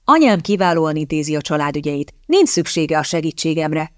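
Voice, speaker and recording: The narrator voicing a reserved young earl and weary former soldier who speaks coolly and reluctantly. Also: male voice, a little high, big pitch swings, dry recording, clean studio sound. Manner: cool, muttering, reluctant.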